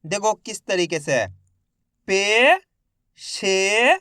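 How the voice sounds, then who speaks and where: Slow, clear man sounding out syllables. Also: high-pitched, lively intonation, no echo, clean studio sound. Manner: sounds out each syllable loudly, then blends the word; addresses viewers as friends, encouraging. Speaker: Hindi reading teacher. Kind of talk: slow syllable-by-syllable reading lesson.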